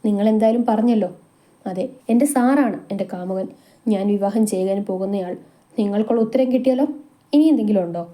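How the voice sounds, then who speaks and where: Lady doing a young woman who talks back hard, firm and cutting, dark voice. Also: mid-range voice, fairly quick, close to an everyday voice. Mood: defiant. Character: young woman, defiant then broken.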